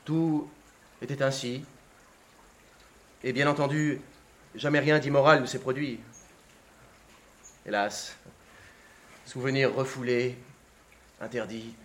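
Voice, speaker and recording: A man's voice: medium pitch, takes it slowly, long pauses. Theatrical male reader of literary prose. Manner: expressive, theatrical, shifting from hushed to excited. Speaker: narrator. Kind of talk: dramatic reading of a literary text.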